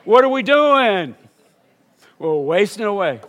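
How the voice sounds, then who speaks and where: A man's voice: high voice, very animated, slow, fairly bright tone, dull audio. An older man, a missionary preacher, telling a story in a sermon and building to fervent exclamations.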